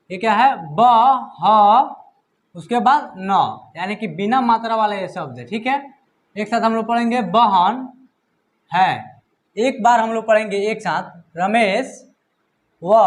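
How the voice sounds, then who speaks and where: A reading teacher in an online lesson, sounding out words syllable by syllable and quizzing viewers. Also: mid-range voice.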